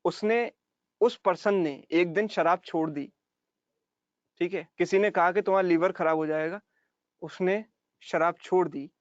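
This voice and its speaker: ऊँची आवाज़ वाला पुरुष गणित शिक्षक. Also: male voice, on the high side, dry recording, highs cut off. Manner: explains step by step, repeating key points and checking with "ठीक है". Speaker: math teacher. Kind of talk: online class lecture.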